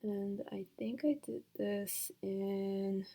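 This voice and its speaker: Gravelly-voiced woman thinking aloud. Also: medium pitch, little pitch movement, slow pace, dark tone, a little hiss or hum. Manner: casual, hesitant, thinking aloud with many fillers. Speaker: software tutorial host. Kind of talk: screen-recorded tutorial.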